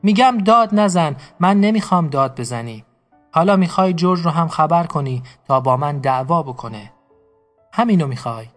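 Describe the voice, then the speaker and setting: A man's voice: a little high, expressive, long reverb tail, faint music behind, natural voice. A man voicing a big, childlike, simple-minded farmhand who pleads breathlessly in a narrated story. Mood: angry.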